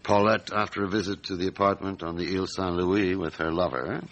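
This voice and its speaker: Radio drama lead: calm middle-aged police inspector, very low voice, methodical, deliberate, matter-of-fact delivery. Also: male voice. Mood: deliberate reporting.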